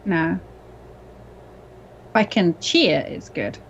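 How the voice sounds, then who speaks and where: A woman with a fairly low voice chats easily as a co-host and player on a live game stream, reasoning aloud about each move. Her audio is slightly dull and muffled, with a faint hiss underneath. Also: animated, slow pace. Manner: thinking aloud about her moves, easygoing.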